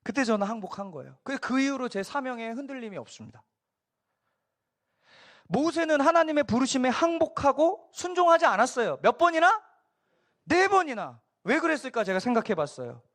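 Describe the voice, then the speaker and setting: Middle-aged male pastor, high and very expressive voice, preaching with dramatic storytelling. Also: fairly quick. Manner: animated storytelling, acts out quoted voices. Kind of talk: sermon.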